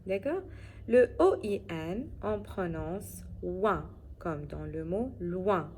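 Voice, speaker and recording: Female teacher, lowish voice, very slow and careful, explains letter sounds and keeps checking understanding. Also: expressive, mellow, a little hiss or hum. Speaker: French teacher. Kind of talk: phonics lesson.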